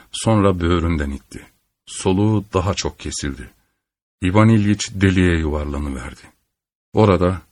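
A man narrating a literary audiobook in a measured, solemn reading style. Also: sits low, a little mellow.

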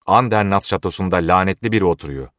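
A man's voice: low voice, fast talker, a bit bright, no echo, clean studio sound. A man playing a grave, stern old hermit. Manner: solemn, stern sermonizing.

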